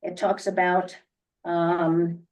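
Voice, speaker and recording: A woman at a public board meeting who asks questions in a hesitant, halting way. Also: fairly low pitch, level tone, a little mellow. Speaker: board member. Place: meeting room. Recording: distant meeting-room mic.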